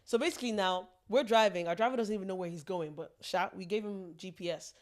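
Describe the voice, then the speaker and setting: A young woman talks easily as a podcast co-host in a middle-pitched voice. Her slangy storytelling is relaxed and full of laughter. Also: fast talker. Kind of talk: casual chat.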